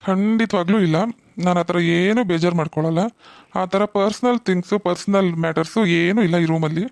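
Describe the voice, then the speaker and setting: A kindly young uncle from a cartoon, voiced by a performer speaks in an easygoing, reassuring way. His voice sits in a middle pitch, and the recording is dry. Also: brisk, vocal fry, no room sound, lightly acted. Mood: calm. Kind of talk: cartoon voice acting.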